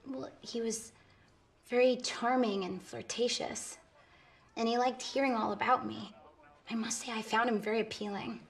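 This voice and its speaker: An actress playing a pampered, romantic young woman who talks in a soft, earnest, confiding way. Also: a little high, steady tone, normal speed, vocal fry. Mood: eager. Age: young adult. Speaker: actor in a film scene. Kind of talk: naturalistic film acting.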